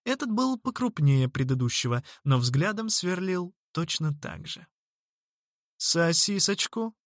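A man narrating a storybook in a measured, lightly ironic way. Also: on the high side, very animated, no room sound, clean studio sound. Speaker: audiobook narrator.

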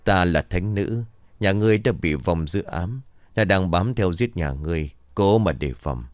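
A man putting on a possessing female saint spirit in a told ghost story, speaking slowly and gravely in a low, dry voice. Each warning lands heavy and deliberate. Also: animated, no echo. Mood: ominous.

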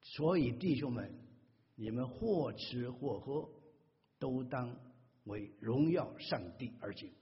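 A man's voice: medium pitch, slow pace. Guy pastor giving a sermon, emphatic, voice goes way up and down, long echo like a big church. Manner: animated, emphatic preaching with rising stresses. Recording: dull audio with long hall reverb.

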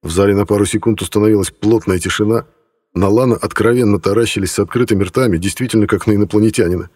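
A man narrating a science fiction audiobook in a dry, even storytelling manner. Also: lowish voice, fast talker. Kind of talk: scripted narration. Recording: long hall reverb.

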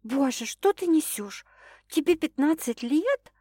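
A woman's voice: high voice, expressive, a little slow, warm tone, no echo, clean studio sound, pitched above the performer's own voice. Woman doing a whimpering young woman. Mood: scornful. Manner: whining, breathless pleading.

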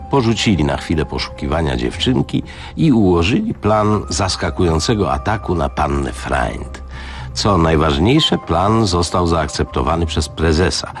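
A man narrates a radio audiobook with a deep, gravelly voice. His delivery is expressive and swings widely in pitch, with faint music underneath.

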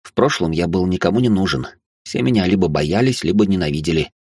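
A man reads a first-person novel in a wry, conversational tone. His voice is low and husky, recorded dry and close with no room sound. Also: quick pace, darkish tone, dry recording. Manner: wry, conversational inner monologue. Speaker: audiobook narrator.

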